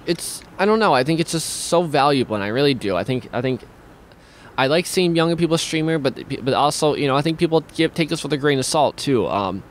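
A young man with a slightly high, expressive voice talks fairly quickly on his casual streaming show, recorded in a small home studio via studio mic and headphones. Reading viewer comments aloud, he rambles and restarts many times. A little hiss or hum sits under the easygoing, video-call-style talk.

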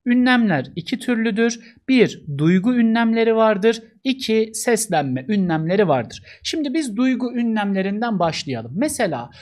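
A man's voice: sits high, sing-song, moderate pace, hardly any pauses, a little mellow. A young man teaching a grammar lesson in a chummy, big-brotherly way, acting out example sentences with animation. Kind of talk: casual exam-prep lesson.

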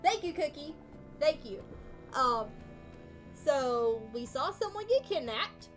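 Female streamer with a high voice, casual play-by-play, thinks aloud, soft game music underneath. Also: very animated, slow pace. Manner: chatty, thinking aloud, self-deprecating. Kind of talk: casual gameplay commentary.

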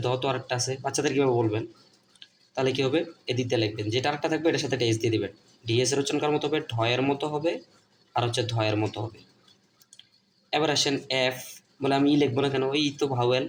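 A man's voice: mid-range voice, slight background noise. A man with a Bangladeshi Bengali accent, teaching a lesson at a board, repeating each point and asking and answering his own questions.

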